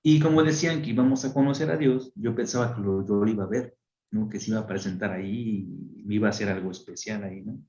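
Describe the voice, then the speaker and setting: A friar being interviewed on a radio program, telling a personal testimony with lively, acted-out voices. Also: male voice, on the low side, fast talker, reverberant, highs cut off. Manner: animated storyteller who acts out voices. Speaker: friar telling his story. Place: radio studio.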